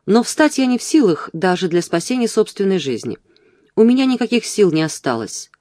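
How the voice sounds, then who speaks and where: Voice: mid-range voice, sing-song, a little fast, darkish tone, dry recording, lightly acted. Reader doing a lazy mocking rich guy who just laughs it off, dry audiobook voice. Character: idle mocking host, too lazy to stand.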